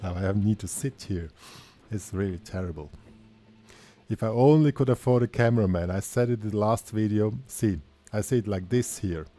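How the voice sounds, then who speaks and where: Low-voiced male guitar teacher, chatty. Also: moderate pace. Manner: chatty, self-deprecating, with frequent ums and restarts. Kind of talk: casual guitar lesson. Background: loud guitar playing.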